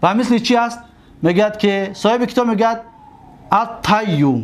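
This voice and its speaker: High-voiced Tajik male teacher. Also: slight background noise. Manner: drills forms aloud, asks and answers his own questions. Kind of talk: classroom grammar lesson.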